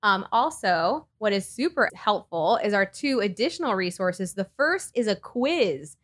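A woman co-hosting a podcast in casual chat, bubbly and quick to laugh. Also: medium pitch, expressive, fairly bright tone. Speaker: podcast co-host.

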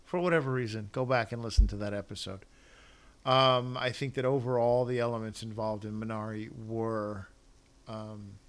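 A man's voice: on the low side, a bit bright. A man co-hosting a casual movie-awards podcast, rambling and losing his thread, then correcting himself. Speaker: podcast co-host. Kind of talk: casual film-awards chat.

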